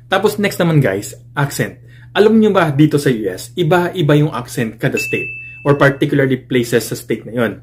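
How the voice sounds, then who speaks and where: A man's voice: a little high, very animated, normal speed, a little hiss or hum. Chatty Filipino man in his thirties vlogging. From Philippines. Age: 30s. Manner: mixes Tagalog with English, addresses viewers as "guys" constantly. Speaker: nurse. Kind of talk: casual vlog talk to viewers.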